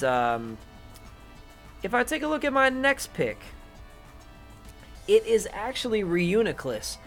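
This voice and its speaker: A young man casually rambling through his picks for an online league, swearing offhand and filling gaps with "um" and "uh". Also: on the high side. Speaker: YouTuber talking through his league draft. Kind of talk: casual unscripted commentary to camera.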